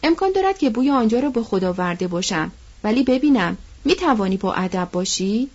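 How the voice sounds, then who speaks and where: A woman's voice: fairly high pitch, sing-song, a little mellow. Woman voicing a curt, proud young woman. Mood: curt, scornful. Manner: curt and cutting. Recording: dull lo-fi recording.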